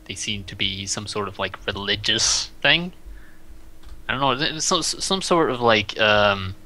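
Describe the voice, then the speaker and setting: Very bright-voiced halting game master. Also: male voice, on the low side, lively intonation, low-quality recording. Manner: hesitant, full of fillers and restarts. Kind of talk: narrating a tabletop game over a stream.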